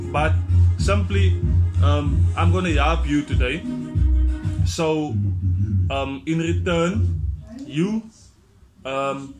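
Loud music plays behind a young South African man with a slightly high-pitched voice and an Afrikaans tinge to his accent. He talks casually to camera like a tutorial vlogger, blunt and slangy. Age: 20s. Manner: blunt, slangy, mildly sweary.

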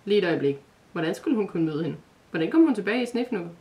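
A woman narrating a children's advent story in a calm, even reading voice. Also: on the low side, distant mic.

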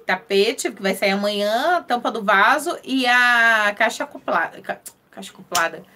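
Carioca woman doing a crochet live, kinda high voice, chatty and friendly, laughs a lot. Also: animated, normal speed, bright, forceful tone. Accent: Carioca (Rio de Janeiro) Portuguese. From Rio de Janeiro, Brazil. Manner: chatty and friendly, greets viewers by name, laughs often. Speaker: crochet live-stream host. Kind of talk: casual live-stream chat reading viewer comments.

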